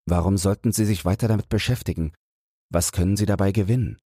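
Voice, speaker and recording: A man's voice: deep voice, quick pace, dark tone, breathy edge, no room sound, clean studio sound. A man reading the part of Dr. Watson, a practical doctor and companion, asking plain questions in a sleep audiobook.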